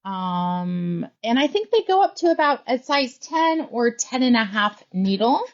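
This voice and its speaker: A woman's voice: fairly high pitch, sing-song, a little slow, muffled recording. A woman hosting a casual craft-shop livestream, chatting and gushing over products as she shows them. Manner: chatty, gushing, thinks aloud while handling items.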